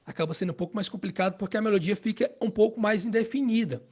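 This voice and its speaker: In a relaxed spoken harmonica lesson, a man with a Brazilian Portuguese accent speaks in a high, darkish, slightly rough voice. He explains slowly and patiently, repeating phrases and often checking in with the listener using "né?" and "entende?".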